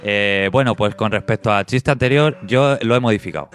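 A man co-hosting a podcast who tells a joke slowly and deadpan in casual chat. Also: fairly low pitch. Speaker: podcast co-host.

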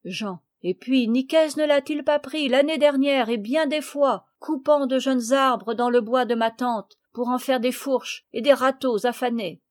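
A woman's voice: sits high, a little slow, hardly any pauses, a little mellow, no room sound. Earnest, firm young boy in a storybook reading, read by a woman. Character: upright brave young boy.

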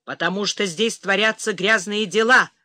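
A woman narrator voicing a tough, commanding male agent who speaks slowly through clenched teeth. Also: medium pitch, sharp tone, dry recording, clean studio sound, lightly acted. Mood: grim.

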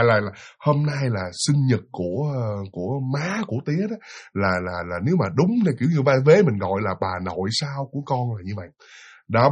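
A man's voice: medium pitch, lo-fi sound. A man with a Southern Vietnamese accent telling a ghost story, speaking directly to his listeners. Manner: lively, addresses listeners directly, breathy voice.

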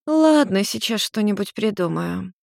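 A woman's voice: medium pitch, animated, a little slow, creaky, darkish tone, no echo, studio quality, pitched above the performer's own voice. A woman putting on a tipsy, teasing witch mother. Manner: slurred, drawling, teasing.

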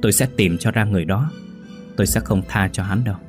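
A man's voice: lowish voice, brisk, music in the background, lightly acted. A man reading the lines of a determined young man, speaking urgently and resolutely.

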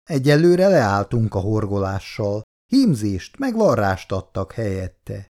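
A gentle, hardworking older mother from a read-aloud storybook, her voice lifted a little above a plain speaking voice, as a male reader puts her on. She speaks mildly and motherly, with a lively rise and fall. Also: fairly low pitch.

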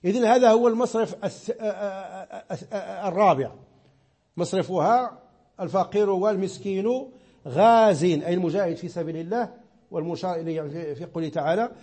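A man's voice: sits high, fast, a little mellow, slightly rough. A Moroccan man giving a religious lesson on Islamic law, explaining patiently and repeating words as he searches for them. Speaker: sheikh teaching Islamic law.

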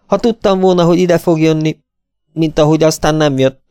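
A man's voice: on the high side, steady tone, warm tone, smooth, dry recording, clean studio sound, voice pushed up, lightly acted. A man voicing a cautious, defensive young man who protests his innocence.

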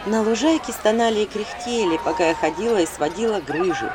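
A woman narrating a story aloud in a lively, expressive way, acting out the quotes. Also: medium pitch, a little fast, background noise. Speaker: audiobook narrator.

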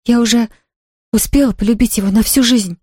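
A woman's voice: fairly high pitch, brisk, darkish tone, slightly rough, no room sound, clean studio sound, voice pushed up. Woman doing trembling tearful young girl. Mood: pleading. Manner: trembling, breathless pleading. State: near tears.

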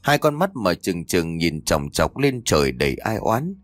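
A man narrating a dramatic audio story in a scripted, expressive reading on a close mic. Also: low voice, a little slow, no echo.

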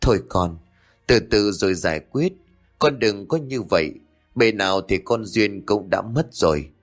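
A man doing a bereaved uncle, gruff and fatherly. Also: lowish voice, animated, unhurried, faint music behind. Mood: soothing. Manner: hissing in anger, cursing. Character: older uncle, bereaved father, furious then calming.

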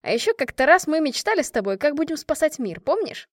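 A woman's voice: high voice, sing-song, fast talker, no room sound, clean studio sound, pitched above the performer's own voice. Woman reading a teasing squad commander. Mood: fond toast. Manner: affectionate, joking toast-giver. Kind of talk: audiobook character reading.

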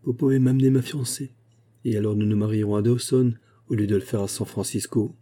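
A weary man stranded in the far north, longing for home, read by a man in short, brusque phrases. The voice sits low, with a husky edge. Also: steady tone, fairly quick, mellow, close to an everyday voice. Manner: clipped, brusque.

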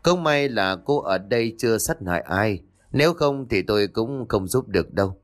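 A man voicing a calm, gentle young male Buddhist exorcist who speaks in a measured, persuasive way. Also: lowish voice, close to an everyday voice.

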